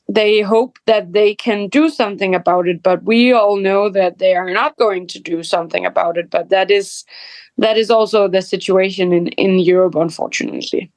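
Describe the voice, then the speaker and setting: A woman's voice: mid-range voice, no echo. A woman from Denmark with a Danish accent, giving hesitant, conversational political commentary as a panel guest. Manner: hesitant, halting.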